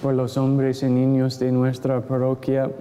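A man speaking as a priest, solemnly and in measured phrases reciting prayers at Mass in a cathedral echo. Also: medium pitch, monotone, mellow. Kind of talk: liturgical recitation of creed and prayers. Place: large church, standing at the altar. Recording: echoey church with long reverb, congregation sounds. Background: congregation.

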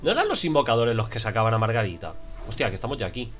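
A young man with a Spain Spanish accent giving casual gameplay commentary, excitable and prone to swearing and shouting in frustration. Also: mid-range voice, racing, soft background music. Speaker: gameplay streamer.

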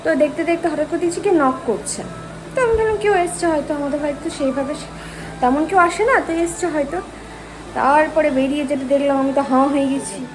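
A woman's voice: sits high, a little fast, noisy background. A woman chatting casually at home in a vlog, talking straight to her viewers. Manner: chatty, addresses viewers directly. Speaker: vlogger. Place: at home, indoors.

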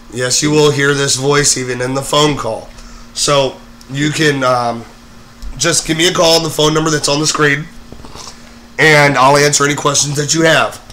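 A hoarse man getting over a cold, hosting a live makeup tutorial in a rambling way with lots of fillers. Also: a little high, fairly even intonation, moderate pace, long pauses, sharp tone, a little hiss or hum. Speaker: host of a live makeup show. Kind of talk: casual live-stream tutorial.

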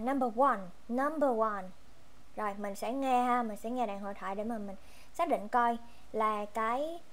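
A woman with a Vietnamese accent teaching English, reading numbers and sentences out slowly and carefully. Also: fairly high pitch. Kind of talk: online English lesson, mixing Vietnamese and English.

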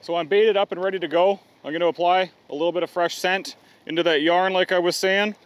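A man's voice: sits high, fairly even intonation, quick pace, no echo. A middle-aged man, giving a practical outdoor how-to on a riverbank, with plain explaining and some fillers. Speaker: fishing guide demonstrating gear.

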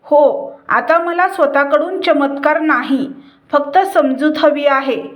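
A woman voicing a quiet, reflective wife. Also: high voice, slow, muffled recording. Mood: calm. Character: tired middle-class wife, quiet, reflective.

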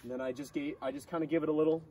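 A man's voice: a little high, steady tone, very fast, a little mellow. A young man in a small boat on a lake, casually explaining step by step how he fishes. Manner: laid-back, explains step by step. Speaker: angler demonstrating a technique. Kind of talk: casual outdoor fishing chat. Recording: slightly distant, faint outdoor noise.

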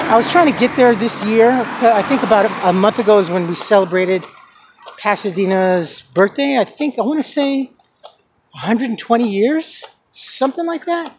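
Filming on a handheld camera as he walks, a man gives a casual, rambling tour of his neighborhood, full of fillers, in a very high-pitched voice. Outdoor noise, passing traffic, and street ambience from the residential street surround him.

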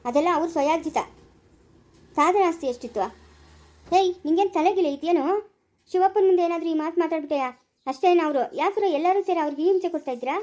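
A woman playing a shrill, sharp-tongued village woman. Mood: lecturing. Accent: Chikkaballapura Kannada. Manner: scolding, quick-tempered, sharp-tongued. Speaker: actor in a family drama. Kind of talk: village family drama acting.

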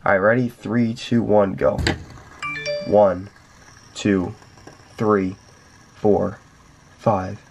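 A young man talking casually to his viewers in a vlog at home at night, excitable and slangy, sometimes dropping to a whisper. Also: fairly low pitch, extremely slow, vocal fry, long pauses, muffled recording, noisy background. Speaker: vlogger.

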